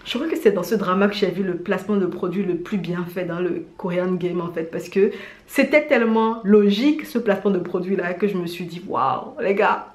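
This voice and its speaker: A woman's voice: fairly low pitch, a little fast. Girl vlogging recs, super casual and slangy, pokes fun at herself, bit of room echo. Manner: animated, slangy, self-mocking. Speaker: vlogger presenting drama recommendations. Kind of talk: casual chat to camera. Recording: roomy indoor echo.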